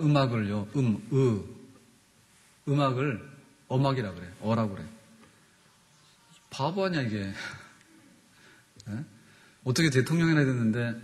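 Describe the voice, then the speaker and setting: A man giving a conversational sermon as pastor, asking his listeners questions and answering them himself. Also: medium pitch. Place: church sanctuary. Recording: long reverb of a church hall.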